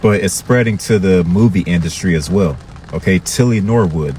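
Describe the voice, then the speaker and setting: A man's voice: sits low, moderate pace, darkish tone, slight background noise. A man from Florida, talking casually to his viewers and often checking in with "okay". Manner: conversational, repetitive, addresses viewers with "okay". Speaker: vlogger.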